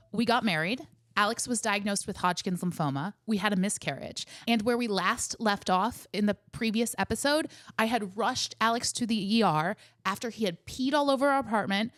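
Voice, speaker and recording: A woman's voice: mid-range voice, expressive, moderate pace, fairly bright tone, no room sound. Woman podcast co-host, wry storyteller, dry close sound.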